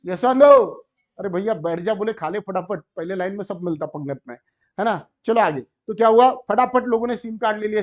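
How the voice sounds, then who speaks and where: A man with an Indian accent teaching a commerce class, animated, often asking the class questions and acting out shopkeepers in short bits. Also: sits high. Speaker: commerce tutor. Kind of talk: classroom lecture.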